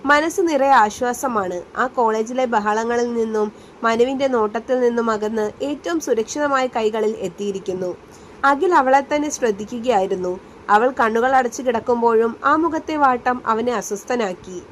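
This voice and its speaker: A woman reading a serialized romance story aloud as a storyteller, in a steady storybook narration. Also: on the high side, normal speed, a little hiss or hum.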